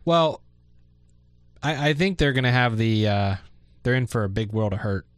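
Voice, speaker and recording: A man's voice: medium pitch, lively intonation, moderate pace, clean tone, dry recording, soft background music. Laid-back male co-host, dry sound. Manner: laid-back, hesitant, offhand. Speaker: podcast co-host. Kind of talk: casual tech news chat. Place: dry studio.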